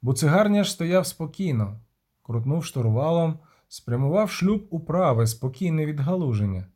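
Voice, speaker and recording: A male narrator reading a fantasy audiobook. His voice sits a little high and sounds mellow and warm, and his storytelling is vivid and steady. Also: moderate pace.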